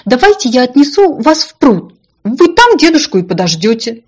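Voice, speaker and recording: A woman's voice: sits high, sing-song, moderate pace, darkish tone, slightly rough, pitched above the performer's own voice, full character voice. A woman voicing a naive, anxious little male donkey in a storybook reading, earnest and easily alarmed. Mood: coaxing.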